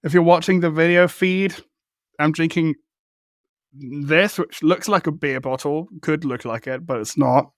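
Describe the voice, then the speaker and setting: A man's voice: a little high, unhurried, no echo, clean studio sound. A man co-hosting a tech podcast, chatting casually in a rambling way, with restarts and the odd swear word. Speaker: podcast co-host. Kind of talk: casual chat.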